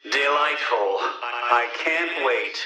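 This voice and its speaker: An actor playing a smug, egotistical supervillain mastermind in a video game, with a condescending, theatrical delivery full of mocking emphasis, through a radio-style filter. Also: male voice, mid-range voice, expressive, slow, far from the mic, over a noisy crowd. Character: smug, taunting, egotistical male riddle-obsessed supervillain mastermind. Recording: echoing, filtered radio-like broadcast sound.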